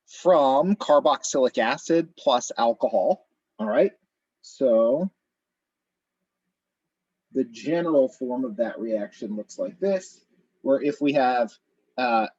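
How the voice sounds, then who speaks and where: A man teaching an online chemistry class, explaining step by step in a relaxed way, thinking aloud. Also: mid-range voice, husky, no echo, muffled recording.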